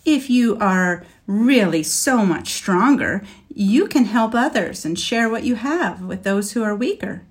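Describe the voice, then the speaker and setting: A woman's voice: expressive, measured pace, few pauses, close to an everyday voice. A woman reading the part of a young male knight, speaking earnestly and persuasively in a raised voice. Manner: earnest, pleading, raised pitch. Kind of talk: storybook reading.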